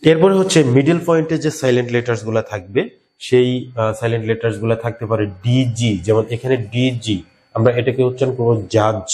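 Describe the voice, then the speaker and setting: A man with a Bangladeshi Bengali accent teaching an English lesson, repeating key words and slowing down to pronounce examples. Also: mid-range voice, dark tone. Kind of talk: explaining a grammar lesson.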